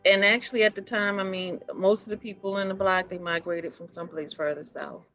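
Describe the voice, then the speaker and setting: Speaking quickly in a steady, medium-pitched voice with a fairly bright tone, a middle-aged Baltimore woman tells stories as an interview guest on a video call. She reminisces conversationally, often laughing and saying um, while faint music plays behind her.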